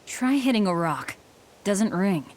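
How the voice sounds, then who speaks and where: A woman's voice: mid-range voice, big pitch swings, unhurried, crowd noise. A woman voicing a brooding young warrior in a video game, curt and cool in manner. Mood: dismissive.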